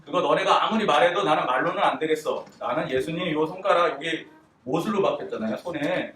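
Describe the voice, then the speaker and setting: A man's voice: a little high, a little fast. A man giving a children's sermon, asking the kids questions and acting out quotes. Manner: animated, asks children questions, acts out quotes. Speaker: children's worship preacher. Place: church room. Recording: echoey room, distant mic, faint noise.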